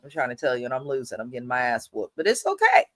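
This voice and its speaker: A young woman hosts a casual TV recap in a bass voice, talking fast. Allergies leave her congested and a bit nasal, and she's blunt, animated, and swears freely.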